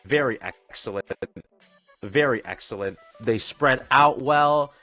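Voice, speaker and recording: A man narrates a tier list in a voice he has pushed higher than his own. He stalls, restarts and repeats the same phrases, sitting at a middling pitch. Soft music plays faintly underneath. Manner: halting, repeats phrases and stumbles over words. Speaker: streamer. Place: pre-recorded video played on stream. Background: faint background music.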